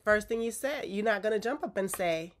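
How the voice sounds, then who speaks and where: A woman in her forties with a cold-stuffed voice casually coaches viewers on relationships, giving blunt advice and frequently asking "okay?". Her mid-range voice is animated and fairly quick.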